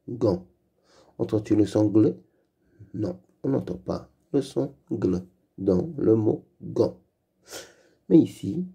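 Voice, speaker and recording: A man leading a slow reading lesson for young children, saying each sound and word twice. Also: lowish voice, dark tone. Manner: repeats each word and sound slowly and clearly. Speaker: reading teacher.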